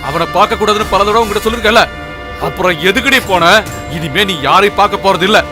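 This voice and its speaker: A man's voice: sits high, quick pace, music in the background, natural voice. A man dubbing a stern father who harshly scolds his daughter, speaking in a commanding tone. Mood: angry. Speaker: dubbing actor. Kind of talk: dubbed film acting.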